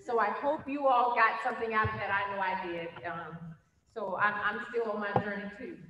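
A woman's voice: medium pitch, moderate pace, muffled recording, noisy background. A middle-aged woman with a Mississippi drawl, a college instructor addressing students in a folksy way, repeating phrases. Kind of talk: addressing students at a chapel assembly. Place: large indoor gymnasium. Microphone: handheld microphone. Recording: echoey gymnasium PA, long reverb.

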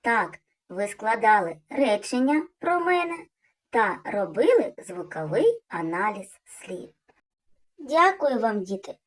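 A woman's voice: medium pitch, very animated, slow pace. A woman closing a lesson for young children, praising them and saying goodbye. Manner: warm praise addressed to children.

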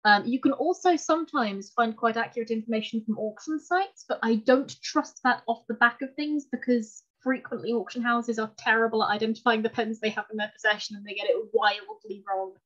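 Her voice is fairly high and bright, and she talks fairly quickly with hardly any pauses. The woman is giving a relaxed, self-deprecating online presentation on fountain pens from an indoor room at home, captured by a video call mic in dull lo-fi quality.

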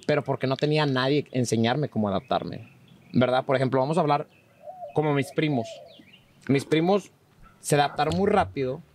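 A man's voice: fairly quick, slight background noise. A man, a podcast guest chatting casually and telling stories with lots of "verdad". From Monterrey, Mexico. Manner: animated, acts out quoted voices with rising pitch; frequent fillers like "¿verdad?". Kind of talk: casual conversational storytelling.

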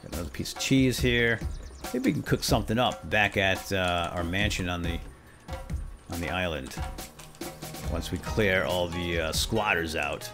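Over music in the background, the host of a gaming let's play series plays on, his voice sitting low at normal speed. Jokey and animated, he exclaims often and keeps talking both to his viewers and to himself.

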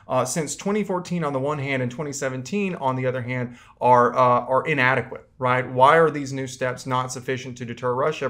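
A man's voice: medium pitch, a bit bright. A man coaching debaters, explaining arguments in a conversational lecture and often checking in with "right?".

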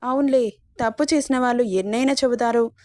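A woman's voice: on the high side, a little fast, a little mellow, no echo, studio quality, natural voice. A woman voicing middle-aged gossiping neighbor women with a sneering, insinuating manner in a read-aloud story. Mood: snide.

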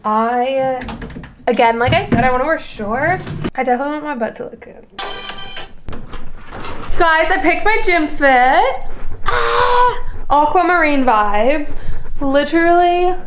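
Filming herself at arm's length with a handheld camera, this twenty-something fitness and lifestyle vlogger talks casually and gushingly at home in the kitchen and bedroom and then in her parked car. Her high, animated voice moves slowly with frequent pauses against a noisy background.

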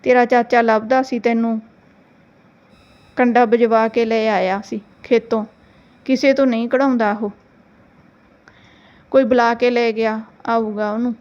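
A woman voicing a fond, good-humoured aunt who chats warmly in a storybook reading. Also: fairly high pitch, level tone, a little slow, long pauses, highs cut off, natural voice.

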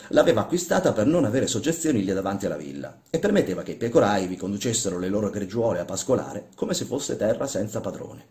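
Guy reading a story out loud, measured and expressive, lively pitch. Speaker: reader. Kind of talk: literary reading. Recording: roomy echo.

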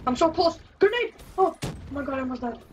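Very high, excitable woman gamer, noisy audio. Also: fast talker. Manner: excitable, exclaiming. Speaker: video game player. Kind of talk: excitable gaming banter.

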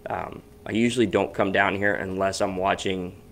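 Man, low voice, casual podcast chat, rambling, lots of restarts. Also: fairly even intonation, moderate pace, a bit bright. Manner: rambling, restarts often, chatty. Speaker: podcast co-host. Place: basement home studio.

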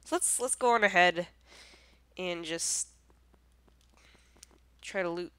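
A woman's voice: on the low side, slow pace, fairly bright tone, smooth, no room sound. A woman with a congested, nasal voice chatting casually through her gameplay, easily surprised and self-deprecating. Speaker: gameplay commentator.

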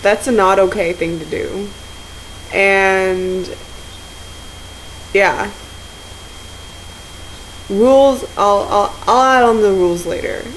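A sleep-deprived young woman rambling casually to friends on a webcam at home, slangy and joking in a deadpan way. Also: mid-range voice, takes it slowly, long pauses, slight background noise, low-quality recording. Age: young adult. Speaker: video blogger. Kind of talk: casual chat to friends on camera. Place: living room at home, indoors. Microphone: webcam or laptop mic at arm's length.

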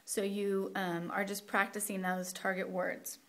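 A woman's voice: medium pitch, little pitch movement, a little slow, vocal fry, fairly bright tone. A woman walking teachers through a week of Spanish immersion lessons in a practical, conversational way, dropping in Spanish phrases. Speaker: Spanish program instructor. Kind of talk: teacher training walkthrough.

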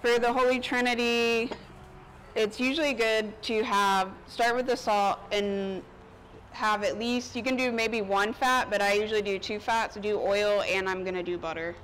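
A woman in her thirties cooks and chats casually before an audience as a demonstrating chef, her medium pitch fairly even, her pace moderate and her tone a bit bright. She's recorded roughly through a lapel mic on an outdoor covered market stage, with park ambience around her.

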